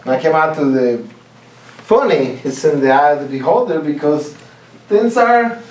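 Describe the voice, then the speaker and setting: A Costa Rican contest speaker, fairly high-pitched with lively intonation and a slightly mellow tone, delivers a humorous speech in a club meeting room, sounding distant and echoey. Laughing at his own stories, he restarts haltingly; faint hiss and a roomy, distant-mic sound come through.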